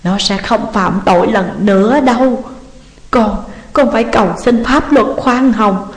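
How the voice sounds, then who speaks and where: A woman reading an audiobook, voicing a distraught middle-aged mother who sobs and pleads in slow, drawn-out phrases. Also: on the high side. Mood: pleading. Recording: roomy, long hall reverb.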